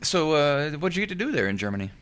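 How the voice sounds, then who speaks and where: A man's voice: fairly high pitch, big pitch swings, fast, background noise. A young man hosting a podcast, rambling in casual chat in an easygoing way, asking questions. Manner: rambling, easygoing, many restarts. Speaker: podcast host.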